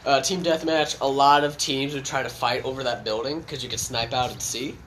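A man's voice: medium pitch, steady tone, a little fast, fairly bright tone. A young man co-hosting a casual podcast chat, joking around and laughing often. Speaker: podcast co-host. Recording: noisy podcast recording.

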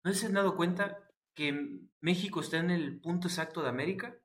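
Man, young adult, Mexican accent, somewhat high pitch, joking slangy podcast banter. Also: brisk. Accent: Mexican Spanish. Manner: slangy, joking, drops swear words. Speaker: podcast co-host. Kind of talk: casual chat.

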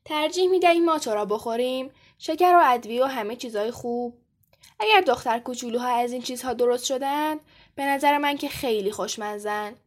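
Woman doing a sweet-talking creepy goblin, high and sugary. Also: natural voice. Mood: sweetly menacing. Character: sly menacing goblin, male, cruel.

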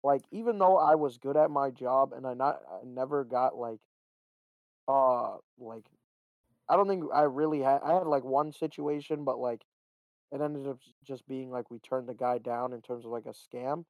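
A young man co-hosts a casual podcast and bluntly mocks his friends, peppering his talk with "bro" and "like". His voice sits in a middle pitch. It is recorded close and dry, with no room sound. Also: moderate pace, dry recording, narrow, tinny audio. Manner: blunt, mocking, says "bro" and "like". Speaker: podcast co-host.

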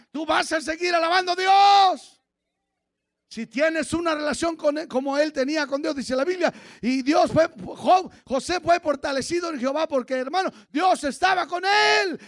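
A man preaching a fiery sermon as pastor, dropping to low murmurs and rising to shouted exhortation, often calling out "hermano". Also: gravelly, no echo, clean studio sound. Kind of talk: fiery Pentecostal-style sermon.

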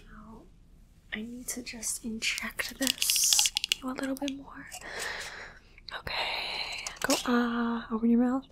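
Slow and a little high, the whispering woman continues her ASMR role as a reassuring alien examiner, repeating short soothing lines over a noisy background.

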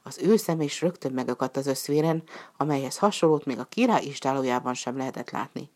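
A woman narrating a folk tale in a calm storybook reading manner, lifting her voice for the characters' lines. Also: very deep voice.

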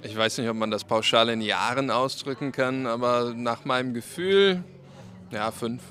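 A man in his thirties, a software developer, giving thoughtful, measured interview answers outdoors. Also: medium pitch. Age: 30s. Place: outdoors at a summer party.

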